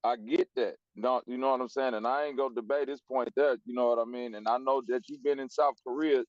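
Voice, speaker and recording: A man's voice: medium pitch, fairly even intonation, fairly quick, dry recording. Insistent man from Chicago, dry dull sound. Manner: insistent, presses to be heard. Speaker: panelist. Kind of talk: heated casual debate.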